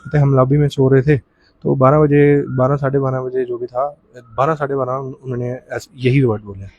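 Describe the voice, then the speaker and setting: A man giving an emotional first-hand account as an interviewee, speaking haltingly with restarts and often saying sir. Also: medium pitch, flat delivery, no room sound, dull audio. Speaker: relative of the deceased, interviewee.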